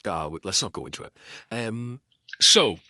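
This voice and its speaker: A middle-aged Geordie man talks through a book in a loose, meandering way, full of ums, restarts and wry asides at his own expense. His voice sits low but bright and forward, and it swings widely in pitch. The sound is close and dry. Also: lively intonation, moderate pace, no room sound. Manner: digressive, self-deprecating, full of ums and restarts. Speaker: audiobook narrator. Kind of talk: casual rambling commentary.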